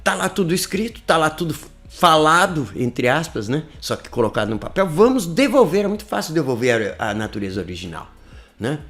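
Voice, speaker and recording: A man's voice: brisk, soft background music. A man, tutoring an English course in a live online lesson, talking conversationally with frequent "né?" tags. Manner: lively, conversational, frequent "né?" tags, animated swings in pitch.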